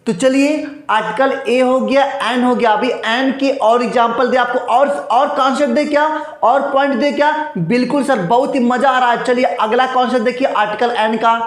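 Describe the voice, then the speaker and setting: A man's voice: very high voice, fairly even intonation, normal speed, few pauses. A man teaching an exam-prep grammar lesson, asking and answering his own rhetorical questions and repeating key points. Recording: echoey room.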